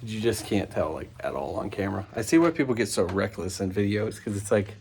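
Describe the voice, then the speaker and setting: A man's voice: fairly low pitch, expressive, a little fast, creaky, darkish tone. Travel vlogger, male, from South Carolina; wry outdoor hiking chatter on a noisy camera mic. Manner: wry, self-mocking jokes. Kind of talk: casual hiking vlog chat. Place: outdoors on a rocky hiking trail.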